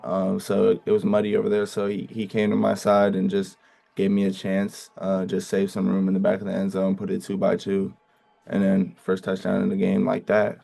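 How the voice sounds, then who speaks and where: A young adult college football player from California's Bay Area gives casual interview answers about his plays, halting often and circling back with ums and restarts. His voice is very low and nearly flat in pitch, with a gravelly, mellow, dark tone.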